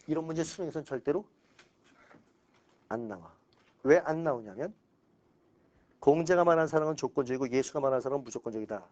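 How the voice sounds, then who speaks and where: A man giving a casual lecture to exam students, animated and blunt, mixing sharp outbursts with dry asides. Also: mid-range voice, quick pace, long pauses, highs cut off. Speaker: exam-prep ethics lecturer.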